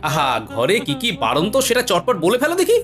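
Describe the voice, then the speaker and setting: A woman's voice: mid-range voice, huge pitch swings, fast. A woman voicing a clever, witty male village jester in a cartoon, glib and playful. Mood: breezy. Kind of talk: cartoon voice acting.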